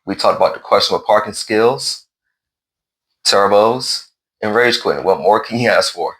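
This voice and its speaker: A man's voice: on the low side, moderate pace, fairly bright tone, poor audio. A man hosting a casual gaming conversation, asking questions and teasing his friend in a laid-back way. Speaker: podcast host.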